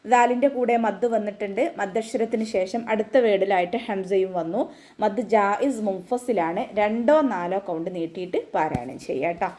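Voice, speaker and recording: A woman's voice: mid-range voice, darkish tone. Patient woman teaching recitation rules. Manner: patient step-by-step explaining, breaking into slow chanted recitation. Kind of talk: online tajweed class.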